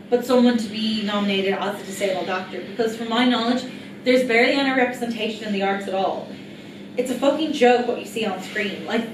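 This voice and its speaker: A woman giving a rehearsed reading of an autobiographical stage monologue, speaking earnestly and reflectively, straight to her audience. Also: on the high side. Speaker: writer-performer of an autobiographical solo play. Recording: echoey, distant mic, noisy room.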